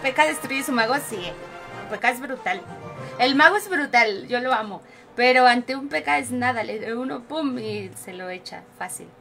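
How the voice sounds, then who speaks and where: Excitable high-voiced Mexican woman streamer. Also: moderate pace, gravelly, faint music behind. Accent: Mexican Spanish. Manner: excitable, giggly, banters with teammates. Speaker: game streamer. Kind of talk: live gaming commentary.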